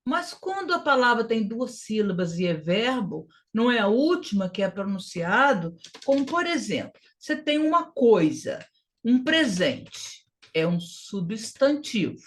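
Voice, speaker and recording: Slow, deliberate Brazilian woman teaching. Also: a little high, very animated. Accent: Brazilian Portuguese. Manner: deliberate, repeats words and models English phrases slowly for drilling. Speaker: English teacher. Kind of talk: classroom lesson on grammar and pronunciation.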